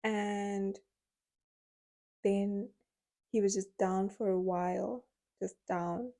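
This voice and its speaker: A woman retells a true crime case in a casual, conversational way. Her pitch stays level, with little rise and fall. Her voice is mellow and subdued. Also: fairly even intonation, extremely slow, low-quality recording. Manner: conversational, recounting with quoted speech.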